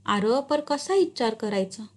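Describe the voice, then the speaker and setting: A proud, stubborn middle-aged village headman, acted by a woman reading a short story brags in rustic dialect. He sounds sure of his power. The voice is pitched a touch high. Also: expressive, measured pace. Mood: proud, boastful.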